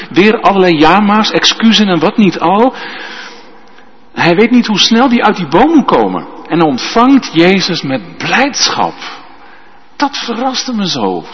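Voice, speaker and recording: A man preaching a sermon as pastor, slow and emphatic, often ending points with a tag question. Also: high-pitched, fairly bright tone, slightly rough. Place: church. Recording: dull sound with long church reverb.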